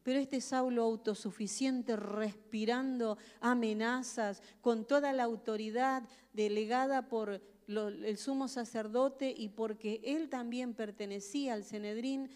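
A woman's voice: a little high, steady tone, unhurried, few pauses, a little mellow, clean tone. A woman preacher, giving an earnest sermon full of emphatic rhetorical questions. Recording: long reverb of a large hall.

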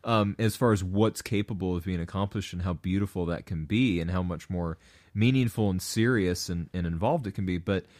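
A man in casual film discussion, animated and jokey, slipping into mock voices now and then. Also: low-pitched, fairly quick, no room sound, clean studio sound.

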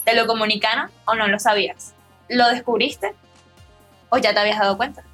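A woman co-hosting a podcast in a studio, firing off rhetorical questions and quick quips. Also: on the high side, fairly bright tone, faint music behind. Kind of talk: casual podcast chat.

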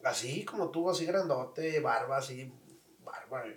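A man's voice: medium pitch, unhurried, roomy sound, far from the mic. A man, hosting a casual chat and telling stories in slang, acting out the voices of the people in them. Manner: storytelling, slangy, acts out voices in his anecdotes. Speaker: podcast host.

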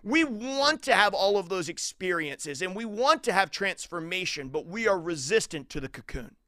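A man preaching a sermon, animated and conversational, who acts out quoted voices with rising volume. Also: sits high, normal speed, no echo, clean studio sound.

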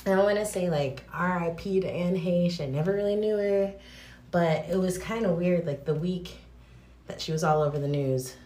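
This podcast host, a woman, recommends movies in a rambling, informal chat full of playful asides, her fairly low, warm voice moving at a moderate pace. She is recorded on location in a bathroom at a distance from the mic, so the noisy audio carries a cave-like echo.

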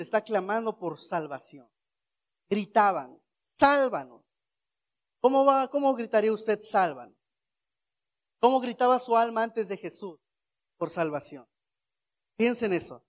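Male preacher, high voice, unhurried, call-and-response sermon. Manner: rhetorical questions, leads the congregation in shouted responses.

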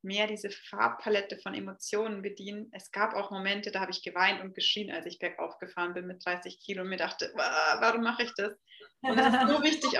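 A woman's voice: medium pitch, gravelly, fairly bright tone, roomy sound. A woman guest on a podcast, talking in an upbeat, encouraging way and mixing English phrases into her speech. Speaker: podcast guest, cycling traveler. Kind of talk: casual podcast interview.

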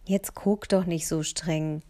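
A woman voicing a cheeky, playful teenage boy in an audiobook, with a slightly creaky voice. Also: sits low, steady tone, slow, mellow. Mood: teasing. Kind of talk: audiobook dialogue.

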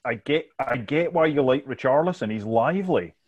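A man's voice: mid-range voice, animated, normal speed. Glaswegian man, dull lo-fi sound. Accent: Glasgow Scottish. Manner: sweary, informal. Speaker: football podcast host. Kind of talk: casual football banter.

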